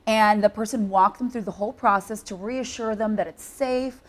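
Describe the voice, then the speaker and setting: A woman's voice: medium pitch, moderate pace. A middle-aged woman, an evening news co-anchor, chatting in a TV studio about a story she covered, with frequent fillers and restarts. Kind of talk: conversational studio interview.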